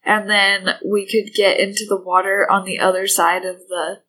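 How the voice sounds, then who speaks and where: A woman's voice: medium pitch, flat delivery, normal speed, pushed and bright, husky, low-quality recording. A woman chatting casually as a player in a tabletop game, informal and inquisitive.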